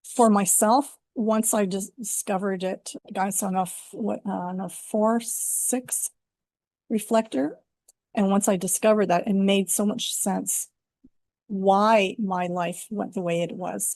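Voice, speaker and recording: A woman's voice: medium pitch, steady tone, a little slow, a little mellow, no room sound, clean studio sound. An older woman from Canada, a life coach, telling her personal story earnestly and reflectively in an interview. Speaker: guest, women's life coach.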